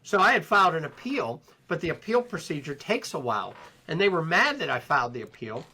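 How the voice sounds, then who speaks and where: A middle-aged man as an interview guest, recounting his experiences in an unhurried, reflective way with frequent ums and restarts. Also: a little high, sing-song, sharp tone, husky. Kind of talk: personal storytelling in conversation.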